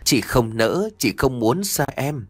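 A man's voice: medium pitch, very animated, takes it slowly, no echo, pitched above the performer's own voice. A man voicing the sad, tender ghost of a teenage girl in an audio story. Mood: sorrowful.

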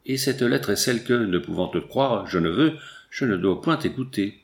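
A man voicing a young man, a stern and protective brother, speaking gravely and solemnly in a storybook reading. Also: fairly low pitch, expressive, moderate pace. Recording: roomy echo.

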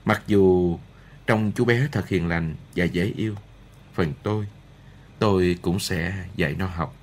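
A man's voice: sits low, a little slow, a little hiss or hum. A man voicing a stern but caring old wandering showman in an audiobook, speaking firmly. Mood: earnest. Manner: firm, commanding.

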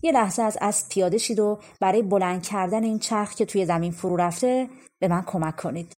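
A woman's voice: medium pitch, a little mellow, close to an everyday voice. A woman voicing Death disguised as a sly, menacing male carter in a storybook reading. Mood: pleading. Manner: pleading then gloating.

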